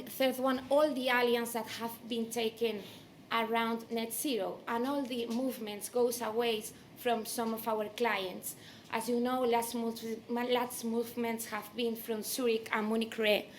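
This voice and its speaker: Woman, Spanish accent, native Spanish speaker, unhurried delivery, fairly high voice, conference keynote, some background noise. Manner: non-native English with Spanish phrasing. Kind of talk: conference presentation.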